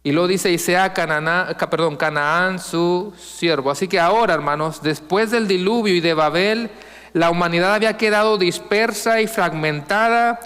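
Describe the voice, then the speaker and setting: Male pastor, high clear voice, reverberant sanctuary, question-and-answer preaching. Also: a bit bright. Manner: asks the congregation questions and answers them; slow, emphatic reading of scripture. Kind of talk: sermon.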